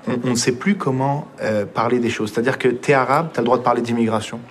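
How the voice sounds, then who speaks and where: Young guy w/ quebec accent, talks super quick, keeps restarting his sentences, chatting on the radio. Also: medium pitch, a little hiss or hum. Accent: Quebec French. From Montreal. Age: young adult. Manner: fast, reflective storyteller with frequent restarts. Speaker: filmmaker guest. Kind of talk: casual radio conversation.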